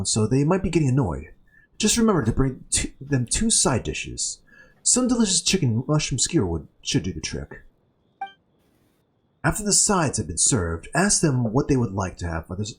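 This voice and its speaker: Man voicing a tired, bossy restaurant worker in a video game. His pitch sits mid-range and swings widely, with soft music behind. The delivery is a plain dialogue read. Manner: reads game dialogue aloud. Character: weary, bossy short-handed restaurant worker.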